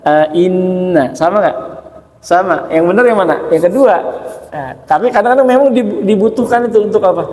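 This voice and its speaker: A man's voice: sits high, fast, darkish tone. A man teaching Quran recitation in a mosque, drilling syllables and chatting casually with the congregation. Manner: casual, chatty explaining with rhetorical questions. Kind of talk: tajweed lesson in a mosque, demonstrating sounds. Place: large mosque hall. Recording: roomy echoing mosque hall.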